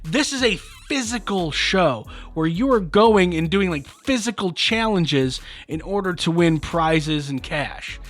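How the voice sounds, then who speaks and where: A man's voice: high voice, animated, unhurried, hardly any pauses, faint music behind. A man co-hosting a podcast in a studio, chatting casually and making self-deprecating jokes. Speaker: podcast co-host. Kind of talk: casual chat.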